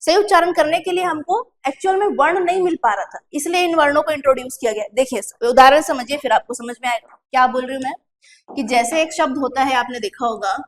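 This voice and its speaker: Woman exam-prep tutor, Chhattisgarh Hindi accent, high voice, patient step-by-step explainer. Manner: explains step by step, asking and answering her own questions; slows to drawn-out pronunciation drills. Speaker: teacher. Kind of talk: exam-prep classroom lesson.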